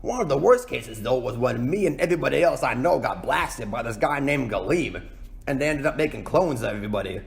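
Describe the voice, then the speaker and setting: A man plays a cartoon penguin king in an ASMR roleplay, his voice creaky and gravelly at a middling pitch. He rambles in a folksy way, boasting and feeling sorry for himself, always the aggrieved ruler. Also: animated, brisk. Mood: glum, complaining.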